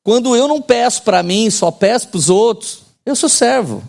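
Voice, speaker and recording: Male pastor, forties, gravelly fry, raised pitch, slangy humorous preaching, calls for responses. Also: animated, normal speed, a little mellow. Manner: casual, joking preaching with slang; leans on call-and-response with the congregation. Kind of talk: sermon.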